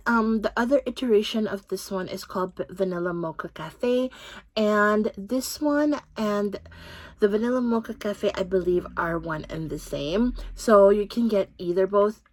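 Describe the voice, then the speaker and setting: Filipino woman vlogger, warm gushing chatter, leisurely pace, dry recording. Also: mid-range voice, dry recording. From Philippines. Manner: chatty, gushing, frequent "like" fillers. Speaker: beauty vlogger. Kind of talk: casual fragrance review.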